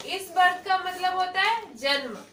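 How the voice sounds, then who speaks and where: A woman with a very high, bright voice teaches a class patiently, asking questions and checking that everyone follows. She is recorded from a distance in an echoey classroom with faint background noise. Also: lively intonation, a little slow. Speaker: English teacher. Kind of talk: classroom lesson.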